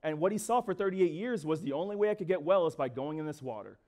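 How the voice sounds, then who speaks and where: Young male guest speaker, relaxed conversational sermon, high and very animated pitch. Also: fast talker. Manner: casual, conversational preaching with fillers and acted asides. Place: church.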